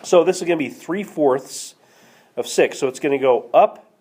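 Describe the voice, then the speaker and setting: A man's voice: a little high, moderate pace, dark tone, husky. A man teaching a math class, walking students through a problem and checking in with them, with a cough now and then. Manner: checks in with students, asks questions. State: coughing, slightly hoarse. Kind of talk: classroom lecture screencast. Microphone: tablet screencast mic.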